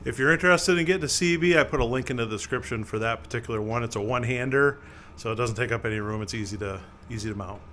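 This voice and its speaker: A fast-talking man with a mid-range voice tests CB radio gear for his vlog, explaining it step by step in a relaxed, plainspoken manner. Vehicle sounds and steady background noise fill the recording.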